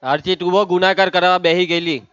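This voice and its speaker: A man's voice: high-pitched, fairly even intonation, fast talker, fairly bright tone, clear, resonant tone, no echo, muffled recording. A man teaching a maths lesson, teasing and calling on students by name. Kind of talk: lively classroom lesson.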